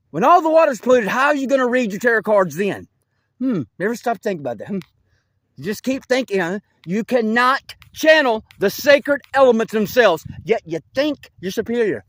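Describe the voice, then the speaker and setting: Confrontational male ranter, high voice, dry close sound, loud bursts and mutters, constant "huh?" asides. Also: no room sound. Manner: confrontational, swings between loud outbursts and low mutters; rhetorical "huh?" asides to viewers. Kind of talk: ranting monologue.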